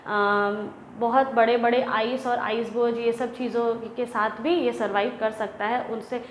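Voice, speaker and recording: A young woman with a fairly high voice gives a classroom lesson. She reads English passages slowly, then explains each line in Hindi. The voice rings in an echoey room over a faint hum. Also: dull audio. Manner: slow, deliberate reading of English lines, then explaining in Hindi. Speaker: English teacher.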